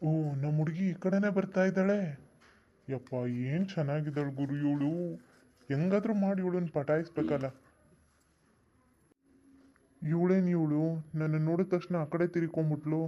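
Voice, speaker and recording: A man's voice: on the high side, steady tone, brisk, close to an everyday voice. A cocky village flirt, voiced by a man, who sweet-talks. The sound is dull and lo-fi, as in a cartoon dub. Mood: leering. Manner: wheedling, sweet-talking.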